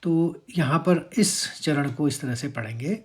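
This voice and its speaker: A man teaching how to pronounce a Sanskrit verse, patiently breaking words into syllables and chanting the lines louder and drawn out. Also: on the high side, a little slow. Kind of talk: verse pronunciation lesson.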